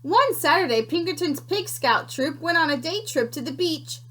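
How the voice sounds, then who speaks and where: A woman teacher with a high-sitting voice reads a picture book aloud to children, expressive and unhurried, pausing to ask them questions.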